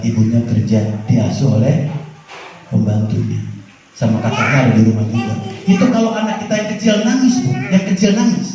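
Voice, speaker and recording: A man's voice: fairly high pitch, warm tone, slight background noise. A man preaching a humorous sermon to mothers, playful and teasing, often putting questions to the audience. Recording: echoey hall, distant and dull mic.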